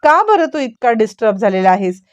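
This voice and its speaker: Caring mother figure, coaxing and concerned, a touch high and raised, as a woman narrator voices her. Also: big pitch swings, brisk.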